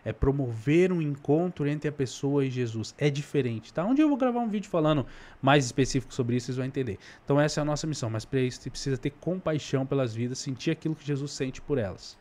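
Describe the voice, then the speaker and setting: A man's voice: mid-range voice, lively intonation, fast talker, a little mellow. A man hosts and comments in a casual preaching style, talking directly to his viewers. His voice sits in a mid range and stays earnest throughout. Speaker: host and preacher.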